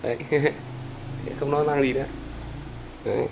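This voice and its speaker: A chatty man, speaking at a mid pitch as he keeps turning to his viewers. He repeats small pointing words while talking outdoors. A faint hum of outdoor noise sits behind his voice. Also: fairly even intonation, a little slow, vocal fry, highs cut off. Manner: chatty, repeats "there" often, talks to viewers. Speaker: bird-keeping vlogger. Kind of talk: casual talk to camera viewers.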